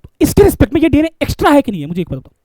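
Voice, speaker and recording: A man's voice: very high-pitched, huge pitch swings, rapid-fire, warm tone, no room sound, studio quality. A male biology teacher, lecturing a class and coaxing answers by asking questions and repeating key terms.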